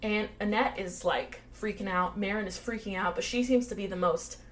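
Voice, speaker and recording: Animated woman telling a true-crime story. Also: medium pitch, moderate pace, a little hiss or hum. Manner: animated, acts out quotes, swears freely. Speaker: podcast co-host.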